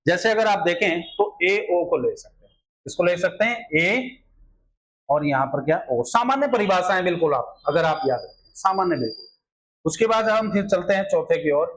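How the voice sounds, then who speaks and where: A man's voice: high-pitched, lively intonation, normal speed, poor audio. A man teaching a Hindi grammar lesson for exam students, repeating filler phrases and asking rhetorical questions as he explains. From India.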